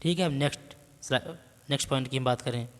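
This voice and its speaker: A male biology teacher giving an exam-prep lecture. He dictates notes slowly, then explains them and quizzes the class with repeated questions. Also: medium pitch, in a large hall.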